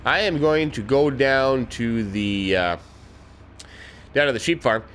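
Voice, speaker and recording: This man narrates his farming game as a let's play host, keeping things folksy and chatty with the odd mild exclamation. His medium-pitched voice moves slowly, sounds a bit bright and a little stuffed up in the nose, and there's a slight hiss or hum on the audio.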